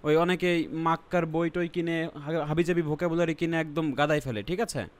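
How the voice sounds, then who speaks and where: A young Bangladeshi man teaching an online exam-prep class, his voice sitting a touch high. He walks through each point step by step, slips English terms into his explanations and keeps asking whether the students follow. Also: steady tone, normal speed. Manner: explains step by step, checks in with "ঠিক আছে?". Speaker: IELTS teacher. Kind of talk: online lesson.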